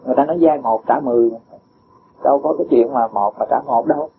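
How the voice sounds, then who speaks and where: A man's voice: medium pitch, quick pace, vocal fry. A man giving a patient Buddhist dharma talk, explaining with homely examples and chuckling often. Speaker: Buddhist teacher. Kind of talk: dharma talk answering a disciple. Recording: dull lo-fi recording with faint hiss.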